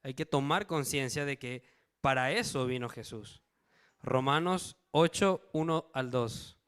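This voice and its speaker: A man with a clear, resonant, mid-range voice and a fairly bright tone preaches at a measured pace during a Bible study sermon. He reads verses aloud, asks the congregation questions and checks in with them.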